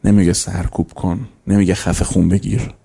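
A man lectures on faith and character before a live audience, his voice mellow and dark with a gravelly edge. He talks in a loose, conversational way and tells small stories. Now and then he lifts into sharp, emphatic peaks. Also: deep voice, little pitch movement. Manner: conversational, storytelling, rises into emphatic bursts. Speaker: lecturer on religious ethics. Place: lecture hall.

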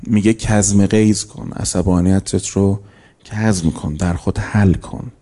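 A man's voice: fairly low pitch, steady tone, mellow. A man giving a conversational religious lecture to a live audience, telling stories and breaking into emphatic bursts. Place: lecture hall.

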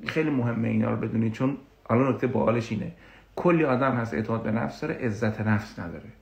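A man working as a coach gives an explanatory talk on confidence, animated and full of personal examples. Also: medium pitch, creaky. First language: Persian. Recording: echoey room.

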